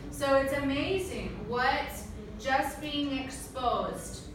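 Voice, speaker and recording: A woman with a high-pitched voice speaks slowly while teaching a class of language students in an interactive talk. She asks listeners questions and checks in often with "right?". The recording is echoey and noisy, from a distant mic.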